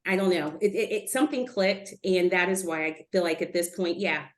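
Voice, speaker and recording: A middle-aged woman speaking as a webinar guest, a lively storyteller who acts out what others said, on a video call. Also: lowish voice, fairly quick. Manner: lively storyteller, animated quoting of others, laughs easily. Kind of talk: casual interview on a video call.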